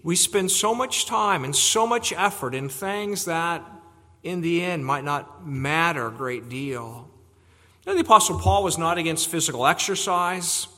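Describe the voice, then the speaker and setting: A man preaches in an earnest, emphatic way, circling back to repeat his key phrases. His voice is bright and sits a little high. It rings with the long reverb of a church hall. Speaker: pastor. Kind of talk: sermon.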